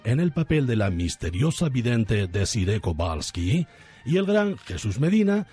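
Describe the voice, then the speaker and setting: On the radio, a man presents and narrates in a theatrical, tongue-in-cheek, mock-dramatic style. His voice is medium-pitched and a little mellow, with faint music playing beneath it.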